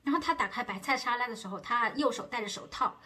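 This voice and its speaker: A woman's voice: a little high, fast talker, bright, forceful tone. A woman in her thirties from China, chatting casually to viewers and growing exasperated as she retells a quarrel. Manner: chatty and exasperated, rising heat when retelling arguments. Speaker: vlogger.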